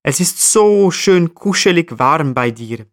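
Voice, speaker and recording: A man's voice: a little high, animated, takes it slowly, no room sound, studio quality, voice pushed up. A man doing a cheerful little flea. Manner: cheerful, chatty. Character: small cheerful male glacier flea. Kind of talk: storybook voice.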